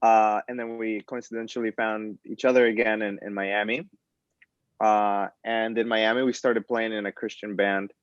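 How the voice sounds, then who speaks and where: A man from Colombia chats loosely in a casual video interview, rambling a little and laughing easily. His voice sits fairly low. The audio is dry and dull. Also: level tone, moderate pace, no room sound. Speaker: band member, guest.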